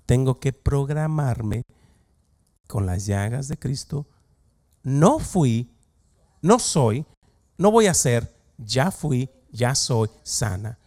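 Gravelly-voiced pastor preaching with humor. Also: male voice, mid-range voice. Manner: lively, acts out quoted voices, jokes with congregation. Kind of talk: humorous sermon.

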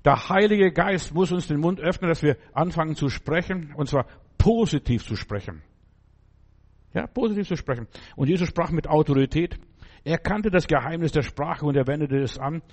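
Middle-aged male preacher, slightly high voice, emphatic exhortation with loud acted-out commands. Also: expressive, moderate pace. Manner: exhortative, addressing listener directly with frequent "Ja?"; acts out quoted commands loudly. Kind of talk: sermon.

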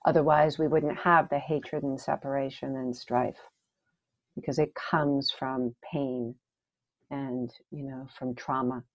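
A woman's voice: extremely low pitch, steady tone, measured pace, dull audio. A woman coach as an interview guest, talking in a reflective, earnest way and often asking "right?". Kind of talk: casual interview chat.

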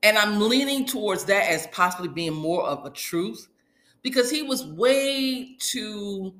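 A woman giving casual, opinionated reality TV commentary as a host, with colloquial sassy asides and animated retellings of what others said. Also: medium pitch. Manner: animated retelling, acting out others' quoted remarks. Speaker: host of a reality TV recap show. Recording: echoey, reverberant room.

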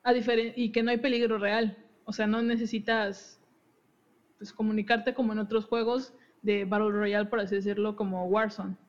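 A young woman with a medium-pitched, level voice hosts a podcast at a normal pace, explaining game lore casually. She's giggly and chatty, often interrupting herself and starting over. The audio is dull and lo-fi.

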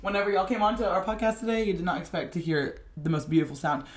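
A woman's voice: fairly low pitch, fast, a little hiss or hum. A woman, co-hosting a podcast with playful, teasing banter. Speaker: podcast co-host. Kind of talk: casual chat. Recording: roomy echo.

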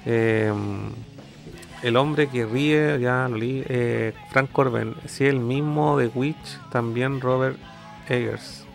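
A man's voice: mid-range voice, takes it slowly, gravelly, faint music behind. Slangy Chilean man chatting casually. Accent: Chilean Spanish. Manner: slangy, groping for words, frequent restarts. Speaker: streamer co-host. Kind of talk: casual chat.

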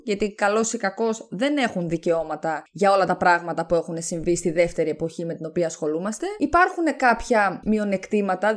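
A woman co-hosting a relaxed podcast conversation. She sounds tired and low on energy, but she talks at length with a fan's eagerness. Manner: enthusiastic fan, chatty and animated. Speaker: podcast co-host. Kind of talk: casual podcast chat.

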